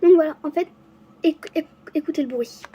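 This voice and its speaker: A woman who stutters, chatting casually to camera as she shows off her gifts, halting and apologetic. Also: sits high, warm tone, dull audio. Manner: stutters, restarts words often. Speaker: vlogger showing her gifts. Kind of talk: casual unboxing chat to camera.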